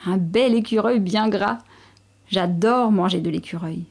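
A woman's voice: mid-range voice, gravelly, a little mellow. A woman voicing a father wolf who is an eager, commanding hunter. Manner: brisk, commanding.

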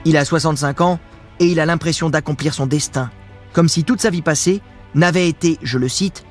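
A man's voice: a little high, brisk, soft background music. A man giving scripted history narration with casual asides, talking straight to the listener in a chatty way. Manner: chatty, addresses the listener directly.

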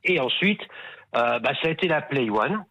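A man's voice: medium pitch, lively intonation, moderate pace, bright, forceful tone, no echo, lo-fi sound. A man in his sixties calling a radio show, talking eagerly and rambling on. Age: 60s. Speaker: radio caller. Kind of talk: phone-in chat.

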